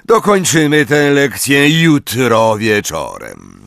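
A man voicing a cold, sneering male schoolteacher who drawls slowly and cuttingly. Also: medium pitch, huge pitch swings, vocal fry, a bit bright, no echo, studio quality, voice pushed up, full character voice.

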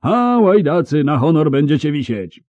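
Casting: man playing a blustering knight, loud, slow and pompous, with lots of swing in his voice. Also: sing-song, dry recording, lo-fi sound. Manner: booming, slow, pompous drawl. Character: boastful blustering male knight baron.

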